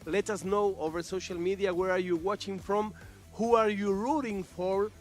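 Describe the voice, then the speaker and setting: Eager male esports commentator, higher voice. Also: steady tone, moderate pace, faint music behind. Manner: enthusiastic, repeats words, slightly non-native phrasing. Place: esports tournament venue.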